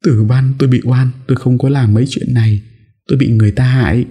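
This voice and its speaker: A man's voice: medium pitch, steady tone, fast, warm tone, slightly rough, voice pushed up, natural voice. A man voicing a distraught young wife who pleads tearfully that she has been framed. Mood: pleading tearfully. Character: young woman, anxious and wronged, pleading.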